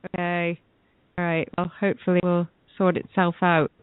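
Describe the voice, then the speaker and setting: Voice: medium pitch, monotone, moderate pace, clear, resonant tone, no echo. A caller, chatting casually on a call-in show over a call line that keeps breaking up. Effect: call line breaking up, choppy signal. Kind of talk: casual chat. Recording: tinny phone line, dry.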